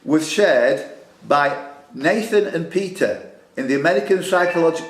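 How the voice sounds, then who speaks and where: This quiz host is a man with a slightly high, animated voice and a moderate pace. He reads out questions in a club room and trades teasing, jokey remarks. Background noise and echo fill the room recording.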